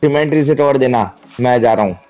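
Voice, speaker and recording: A man with a mid-range voice gives steady, directive orders to his squad. Clear game music and gunfire sit behind him. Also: medium pitch, fairly quick. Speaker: gamer in squad voice chat. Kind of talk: tactical game callouts. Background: loud game music and gunfire.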